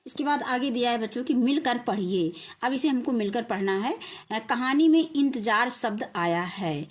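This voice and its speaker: A woman with a fairly high voice teaches young children to read, drawing each syllable out slowly as she spells a word. She keeps asking the class questions and then answering them herself in a patient classroom manner. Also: lively intonation. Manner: slow syllable-by-syllable spelling out words. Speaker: primary school teacher. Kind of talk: recorded children's Hindi lesson.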